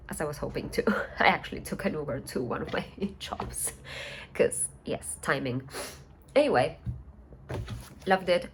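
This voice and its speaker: Woman, low voice, casual book vlog, rambling, faint background hiss. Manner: rambling, thinking aloud with soft laughs. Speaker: book vlogger. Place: at home at night.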